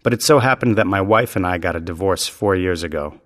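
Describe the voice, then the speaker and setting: A man reading scripted dialogue lines for a language lesson in a clear, even delivery. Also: deep voice, brisk. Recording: reverberant room.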